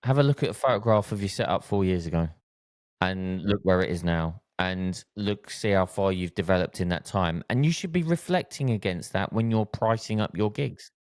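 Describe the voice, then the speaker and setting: A man co-hosting a podcast in casual chat, with a very deep voice. He speaks earnestly and drives his points home by repeating them. The sound is close and dry, with no room echo. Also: normal speed. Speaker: podcast co-host.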